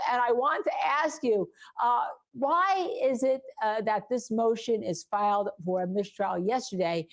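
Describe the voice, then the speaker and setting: A woman working as a legal news interviewer, putting long, halting questions to a guest. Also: a little high.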